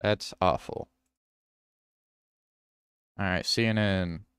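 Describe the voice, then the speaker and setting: A man hosting a casual livestream reads news headlines aloud, stopping to react and correct himself. His voice sits low and moves at an unhurried pace. The sound is crisp, close and dry, with no room around it. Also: fairly even intonation, fairly bright tone, no echo. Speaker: livestream host.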